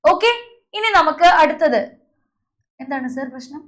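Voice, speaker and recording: A woman's voice: high voice, lively intonation, a little slow, fairly bright tone. A young woman teacher leading an online class, calling on students by name and drilling letter sounds over a video call.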